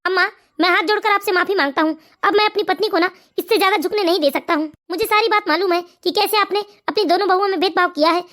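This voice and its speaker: An earnest grown son, voiced by a performer in an animated family story. He speaks quickly in a very high voice, with pleading and pressing questions. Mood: firm. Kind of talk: animated cartoon voice acting.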